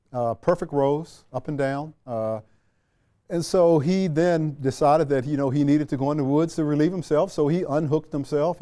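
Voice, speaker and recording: Older man telling stories in a mellow voice. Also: mid-range voice. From Washington, D.C. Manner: measured, unhurried, with frequent restarts and fillers. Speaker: interview guest, retired general. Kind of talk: reflective storytelling in a sit-down interview.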